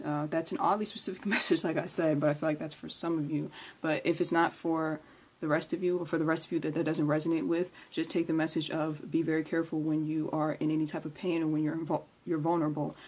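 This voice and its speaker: A woman giving a casual tarot reading at home, speaking quietly at night so as not to wake the house. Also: level tone, fast talker, slightly rough. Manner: quiet, low-key speaking at night, keeping it down for sleeping housemates. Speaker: tarot reader, channel host.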